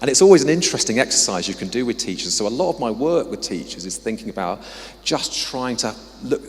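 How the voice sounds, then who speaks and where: A man's voice: medium pitch, big pitch swings, fast. A man with an English accent giving a conversational conference talk with slides as a guest researcher, dropping in apologetic asides. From England. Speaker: guest speaker, social mobility researcher. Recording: long reverb of a hall.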